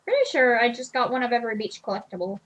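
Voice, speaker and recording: A woman's voice: on the high side, sing-song, quick pace. A woman streamer giving casual, self-deprecating commentary while playing a farming game. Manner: chatty, self-deprecating, laughs at herself.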